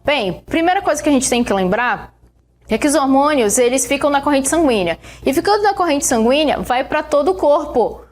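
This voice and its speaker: This is a woman teacher with a high, expressive voice and a Brazilian Portuguese accent, recording a science lesson. Her explanations go slowly, step by step, and she regularly checks in with her students through "né?" and "tá bom?".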